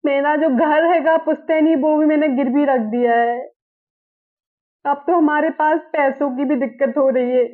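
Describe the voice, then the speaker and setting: A woman's voice: high-pitched, fairly even intonation, normal speed, lightly acted. A woman playing a greedy, regretful middle-aged mother in a drama skit, talking in a pleading, emphatic way. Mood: worried. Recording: dull lo-fi recording.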